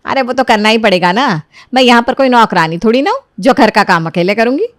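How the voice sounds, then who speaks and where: A woman voicing a proud, bossy young sister-in-law in a cartoon story, sharp-tongued. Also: on the high side, sing-song, fairly quick. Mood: haughty. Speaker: Swati, elder sister-in-law.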